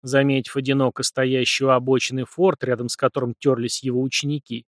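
A man narrating an audiobook in an expressive storytelling reading. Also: mid-range voice, brisk, dry recording, studio quality. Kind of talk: scripted narration.

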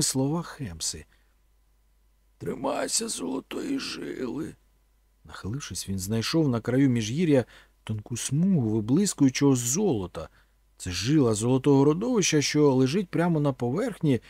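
Husky, expressive male audiobook narrator. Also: mid-range voice, dry recording, clean studio sound. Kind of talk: scripted narration.

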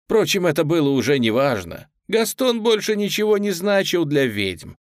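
Мужчина-чтец, выразительно читающий сказку. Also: male voice, on the high side, very animated, moderate pace, dry recording, studio quality. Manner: выразительное, театральное повествование. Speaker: чтец аудиокниги. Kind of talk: художественное чтение сказки.

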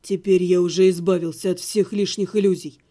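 A woman reader voicing a brooding male necromancer, the narrator's ex-husband, lowering her voice into a husky male register. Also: steady tone, fairly quick, lightly acted. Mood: low tender. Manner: shouting in despair, then low and insistent. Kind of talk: audiobook character voice.

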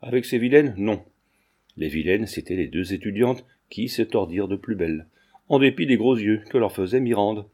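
A man reading a classic novel aloud as an audiobook narrator, in a steady, measured storytelling manner. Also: on the low side. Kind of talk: scripted narration of a 19th-century novel.

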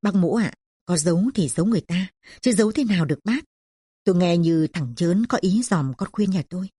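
A woman's voice: lowish voice, expressive, fairly quick, dark tone, slightly rough, dry recording, clean studio sound. A woman voicing a drunken, angry, middle-aged poor father who scolds and curses his daughter. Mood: worried.

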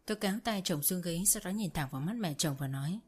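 A woman with a lowish voice narrates a first-person family story. She reads every character's lines herself, changing her voice a little for each. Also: animated, quick pace, husky. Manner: reads all parts herself with light shifts for quoted voices.

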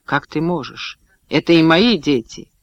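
A man voicing a decorated officer who pleads with his wife in hurried, strained words. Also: on the high side, expressive, no echo, lo-fi sound. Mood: weary.

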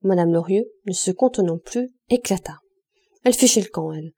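A woman reading a classic novel aloud as an audiobook narrator, steady and measured. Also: on the low side, husky.

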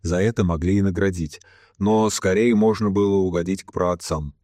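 A man's voice: low-pitched, steady tone, dark tone, dry recording, studio quality. A man reading a novel aloud as a narrator, giving the characters' lines in his own voice with little change. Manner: reads all characters himself, slowing for solemn quotes. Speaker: audiobook narrator. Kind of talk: scripted narration.

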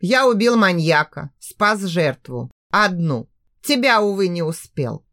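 Brief: cold, growling male cop villain, played by a female narrator, dropped low. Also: lively intonation, slow pace, fairly bright tone, heavily acted. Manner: harsh, growling. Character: ruthless middle-aged male police captain.

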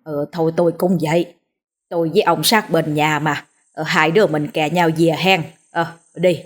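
A woman's voice: low voice, fairly even intonation. A woman voicing a jolly drunken old village man who slurs and drags out his words. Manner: slurred, drawn-out chanting.

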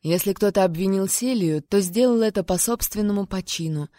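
A woman voicing an older male count, an uncle who speaks calmly and in a fatherly way. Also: medium pitch, brisk, no echo, clean studio sound, lightly acted. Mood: thoughtful.

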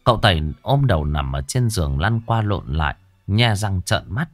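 A man narrates a horror story in a low voice with lively swings of pitch. His storytelling is dramatic, and the recording is dry and close. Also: normal speed, no echo, faint music behind.

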